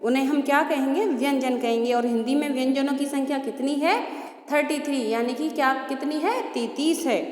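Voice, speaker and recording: A woman's voice: high-pitched, darkish tone. A woman teacher giving a grammar lesson to children, patiently asking questions and answering them herself. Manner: slow, patient, asks and answers own questions. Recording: echoey roomy hall sound.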